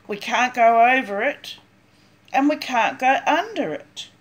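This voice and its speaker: An older, grandmotherly woman reads a picture book aloud to young children. Her voice is fairly high and swings widely in pitch. She takes her time, with a sing-song lilt and dramatic emphasis on key words. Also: expressive, unhurried. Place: small cluttered room at home, indoors.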